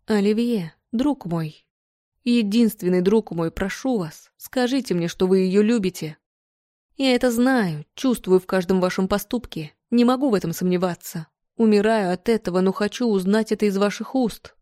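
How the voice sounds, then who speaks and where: A desperate aging countess begs for the truth in a soft, tearful voice, as a woman reader puts her on. The tone is dark and mellow, and the sound is dry and close. She speaks slowly and sorrowfully, as in a spoken storybook. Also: medium pitch, no room sound, close to an everyday voice. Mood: pleading. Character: aging countess, pleading, heartbroken, desperate in love.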